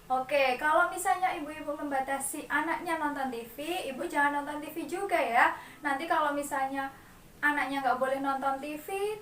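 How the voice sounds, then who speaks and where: High-voiced woman leading a class. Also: fairly bright tone, slight background noise. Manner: leads group clap chants with the mothers; explains step by step, addresses the group as mothers. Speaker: parenting class facilitator. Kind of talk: classroom training session. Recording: echoey room, distant mic, faint background ambience.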